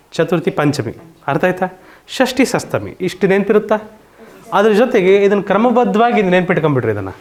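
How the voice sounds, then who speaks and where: A male teacher leads a classroom grammar lesson. His voice sits a bit high for a man, and he keeps quizzing the children and repeating each point patiently.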